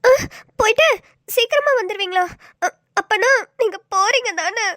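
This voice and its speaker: A woman's voice: very high voice, moderate pace, a bit bright, no room sound, clean studio sound. A woman voicing a worried, tearful young wife pleading with her husband in a cartoon. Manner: pleading, fretful.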